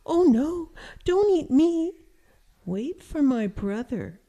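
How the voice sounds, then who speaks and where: A woman's voice: animated, slow pace, dark tone. Woman doing a tiny pleading billy goat. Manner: high, pleading and frightened. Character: tiny timid young male billy goat.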